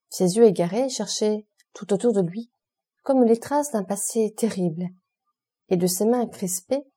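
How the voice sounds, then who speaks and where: A woman narrating a classic novel as an audiobook, measured and expressive. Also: medium pitch, breathy edge.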